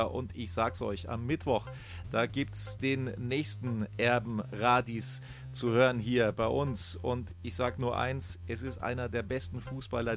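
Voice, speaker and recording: Gravelly male host over music. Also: mid-range voice, a bit bright. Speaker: show host. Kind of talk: casual programme sign-off.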